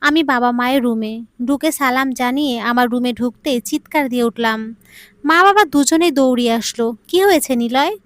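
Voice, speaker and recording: High-voiced woman storyteller. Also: normal speed, a bit bright, dry recording. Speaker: audio story narrator. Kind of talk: scripted storytelling narration.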